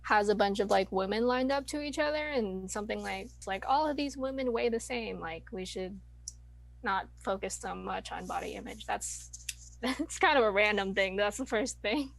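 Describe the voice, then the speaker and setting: A nineteen-year-old woman interviewed over a video call, hesitant, her sentences trailing off softly. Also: mid-range voice, moderate pace, gravelly, low-quality recording.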